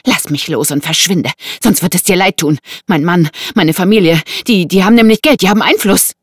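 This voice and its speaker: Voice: brisk, slightly rough, no echo, studio quality, natural voice. An audiobook narrator voicing a frightened, angry woman who is cornered and speaks shrilly. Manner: shrill, raised, high-pitched.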